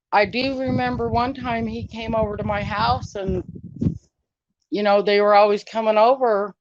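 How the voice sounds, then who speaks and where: Woman telling a story on a muffled line. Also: medium pitch. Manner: earnest, rambling, with many fillers. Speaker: interview guest. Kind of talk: conversational storytelling.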